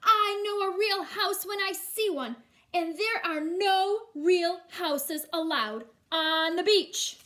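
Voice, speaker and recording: A woman voicing a bossy, indignant storybook judge, loud and scolding. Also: extremely high pitch, slow, voice pushed up, exaggerated voice.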